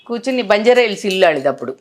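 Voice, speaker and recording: A woman's voice: mid-range voice, racing. A woman in her sixties, an actress telling emotional stories of her film career in an interview, acting out what others said to her. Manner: animated, acts out others' words in quotes.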